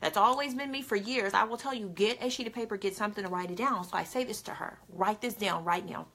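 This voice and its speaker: A woman's voice: fairly high pitch, fast talker, a bit bright. A woman giving an earnest, chatty motivational talk straight to the camera, often calling her listeners "y'all". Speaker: motivational speaker.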